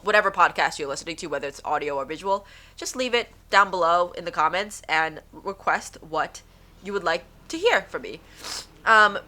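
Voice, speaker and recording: A woman with a lowish, bright, forceful voice hosts her own podcast from home. She chats casually and rambles, sounding stuffy and nasal from a blocked nose.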